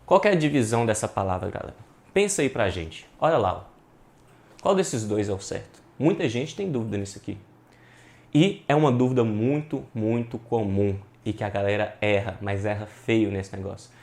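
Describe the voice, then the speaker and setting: Male teacher, online exam-prep class, slangy and energetic, shouts for emphasis. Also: on the low side, moderate pace. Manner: lively, slangy, addresses students as "galera"; bursts into loud emphatic shouts when stressing syllables.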